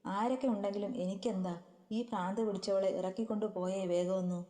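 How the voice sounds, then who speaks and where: Snappy angry young husband, a woman voicing him, contemptuous, mellow tone, lots of reverb. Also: medium pitch, fairly even intonation, quick pace, lightly acted. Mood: irritated.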